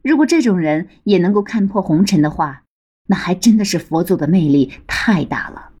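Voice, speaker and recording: A woman's voice: fairly low pitch, lively intonation, moderate pace, mellow, slightly rough. A woman narrating a serialized audiobook with a lightly humorous storytelling manner.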